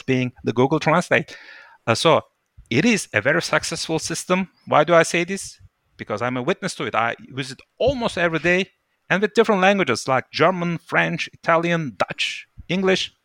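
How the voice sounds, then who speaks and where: A man taking part as a guest in a casual discussion, explaining his points thoughtfully with lively emphasis. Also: a little high, no room sound, clean studio sound.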